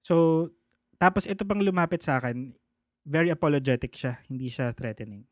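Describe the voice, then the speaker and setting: A man's voice: fairly high pitch, moderate pace, dry recording, studio quality. A man casually telling a personal story, acting out the people he quotes. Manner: animated, acts out the people he quotes.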